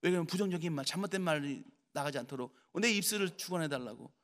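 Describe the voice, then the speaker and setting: A man preaching a sermon in church as pastor, animated and acting out quoted people in lively voices. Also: fairly high pitch, racing.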